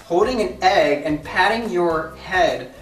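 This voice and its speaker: A man's voice: sits high, lively intonation, takes it slowly, a bit bright, distant mic. Roomy-sounding young man hosting casually. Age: young adult. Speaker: video host. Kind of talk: casual joking chat. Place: small bare bedroom. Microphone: camera a few feet away. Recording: roomy, off-mic, music underneath. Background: music.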